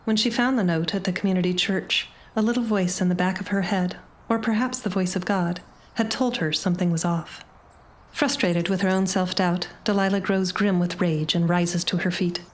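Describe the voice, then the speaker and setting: A woman reading a short story aloud in a measured, dramatic narration. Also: on the low side, fairly even intonation. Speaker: audiobook narrator.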